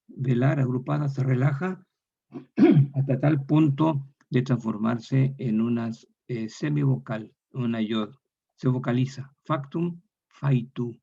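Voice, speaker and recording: A man's voice: medium pitch, gravelly, dark tone, breathy edge. A man giving a methodical lecture, repeating each example word aloud. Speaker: university lecturer. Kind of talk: recorded lecture. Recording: dull lo-fi recording.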